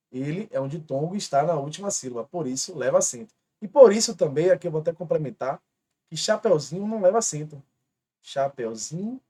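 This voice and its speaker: A Brazilian man leads an exam-prep grammar lesson, writing on a board as he explains things step by step. He repeats every example word slowly, and his voice is slightly high and somewhat mellow.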